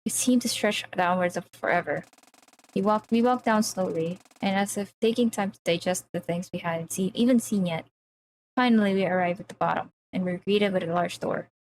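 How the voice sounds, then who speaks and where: A woman's voice: lowish voice, normal speed, a little hiss or hum, low-quality recording. A woman streamer reading a visual novel aloud on a live stream, in a dramatic storytelling way that acts out the characters' lines, into a desk microphone.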